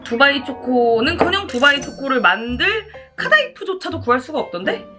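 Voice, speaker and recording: Woman, high-pitched, very animated intonation, casual mukbang chat, talking between bites, music behind. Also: fairly quick. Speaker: mukbang video host. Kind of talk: casual chat to viewers while eating.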